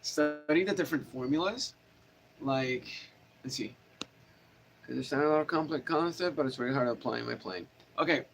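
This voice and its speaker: A man's voice: medium pitch, a little fast, creaky. A man giving a casual live-stream guitar lesson, rambling and correcting himself as he explains theory and answers viewer questions. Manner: rambling, self-correcting, chatty. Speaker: guitar teacher. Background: guitar playing.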